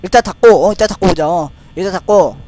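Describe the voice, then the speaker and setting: Scared, high-pitched man streaming horror games. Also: fast, a little mellow. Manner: scared, jumpy, exclaiming and repeating words in panic. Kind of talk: live game commentary. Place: indoor room at a desk, streaming with webcam.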